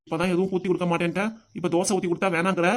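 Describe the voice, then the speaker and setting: A woman voicing a blunt, weary middle-aged husband in a cartoon comedy, with a Tirunelveli Tamil accent and a gruff, scolding manner. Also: fairly low pitch, level tone, rapid-fire, lightly acted. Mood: exasperated.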